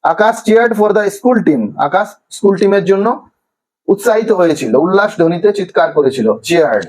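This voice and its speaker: A man from Bengal with a notably high voice, walking young pupils through vocabulary. He stretches each word out slowly, syllable by syllable, like a patient classroom teacher. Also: lively intonation, darkish tone, slight background noise, rough recording. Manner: slow, drawn-out pronunciation of each word by syllables. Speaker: primary school English teacher. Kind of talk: classroom lesson explaining vocabulary.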